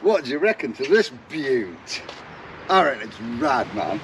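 Filming mostly in a garden and sometimes in a wooden shed workshop, this vlogger from Derbyshire, England shows off a bike restoration. He is in his forties, has a broad East Midlands accent and talks to camera casually, full of jokes and slang. His medium-pitched voice is sing-song, fairly bright and measured, with slight hiss or hum.

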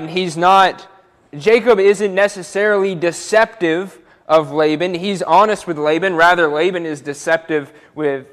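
A young man preaching a sermon from a church pulpit, earnest and repeating words as he builds each point. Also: high-pitched. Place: church auditorium, speaking from a pulpit. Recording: church hall with long reverb.

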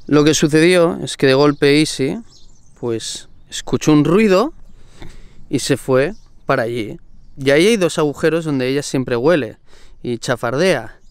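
Chatty young man, smooth voice. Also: fairly high pitch, unhurried, dry recording. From Spain. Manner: chatty, laughs often, slang-heavy. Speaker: vlogger. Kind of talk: casual vlog talk.

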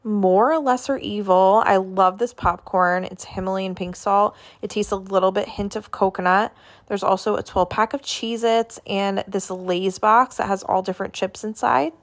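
A woman's voice: mid-range voice, fairly even intonation, moderate pace. A woman vlogging a casual walk through a grocery store, chatting about products and prices as she films on her phone. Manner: chatty, listing items and prices. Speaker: shopping vlogger.

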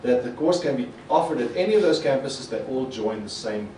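A middle-aged conference presenter, an Afrikaans speaker, gives an animated talk in a mid-range voice, fairly quickly. In a roomy, echoey hall with a projector screen, his podium mic sits a bit far, leaving his voice slightly distant with slight background noise. He gestures a lot and acts out quoted reactions.

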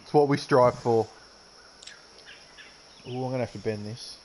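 A man's voice: medium pitch, steady tone, moderate pace, background noise. A man chatting casually and joking while streaming a golf game, often laughing. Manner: joking, laughs often, talks with his mouth full. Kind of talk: casual gaming chat.

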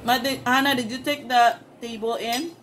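A woman's voice: a little high, steady tone, normal speed. A woman in her thirties with a Filipino accent and native Cebuano, chatting casually while eating and switching between English and Cebuano. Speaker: mukbang vlogger and mother. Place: home kitchen, indoors. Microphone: camera on the table at arm's length. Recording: clearly noisy home room sound.

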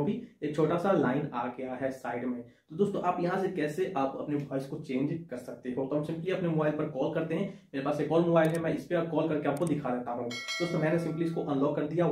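Speaking to camera as if to friends, this young adult tech tutorial host explains a phone tutorial step by step and goes over his points more than once. His voice sits on the high side with a darkish tone. The setting is a small room with shelves, and it sounds echoey.

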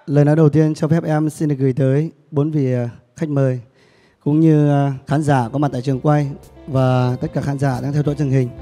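A man's voice: on the high side, flat delivery, fairly quick, dark tone, faint music behind. A young man, a contestant and freelance singer, introducing himself with polite, formal greetings. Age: young adult. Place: TV studio.

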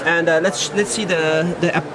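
Recorded on an on-camera mic from behind the camera, a video interviewer asks off-the-cuff product questions in short, simplified English at an indoor exhibition booth. His voice is a little high, steady, and moderately paced, and the rough recording carries the hum of a crowded trade show.

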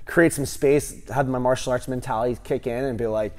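A man in his thirties, a gym owner, answering interview questions with animated stories and lots of fillers, on a lapel mic in a large gym. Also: mid-range voice, fairly quick. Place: large empty gym, indoors.

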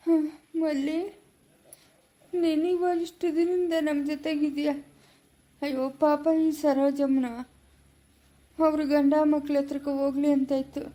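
A remorseful, grieving village mother, played by a woman in a family drama, speaking. Her voice sits high but barely rises or falls. The tone is mellow and warm. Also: level tone. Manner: tearful, pleading, slow when grieving. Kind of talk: family short drama acting.

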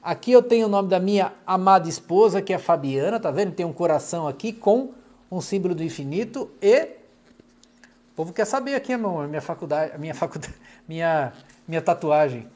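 Man, middle-aged, brazilian portuguese accent, fairly high voice, hypnotherapist on a live stream, casual and chatty, affectionate, soft asides off camera. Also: lively intonation, fairly quick. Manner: chatty and affectionate, often dropping softly aside to someone off camera. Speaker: clinical hypnotherapist. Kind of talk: casual live-stream chat reading viewer comments.

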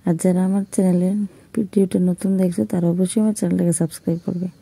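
A woman vlogger, eating while talking to her viewers in a relaxed, halting way with fillers. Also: lowish voice, gravelly, husky. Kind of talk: casual eating-show talk to viewers.

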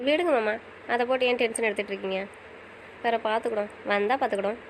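A young woman chatting with her husband in a quick, rather high voice. She talks at a brisk pace, affectionate and teasing, now pleading and now playful. It is casual couple banter. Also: steady tone, slight background noise, rough recording. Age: young adult. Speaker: wife in a couple's chat.

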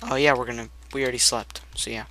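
A man's voice: medium pitch, steady tone, fast talker, sharp tone. A man hosting a casual gameplay session with friends, laid-back and giving instructions. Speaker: channel host and game player.

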